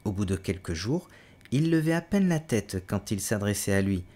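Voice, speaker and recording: A man with a fairly low voice reads a novel aloud as an audiobook. His reading is steady and measured, and it rises louder and higher when he voices the hero's cries. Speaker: audiobook reader.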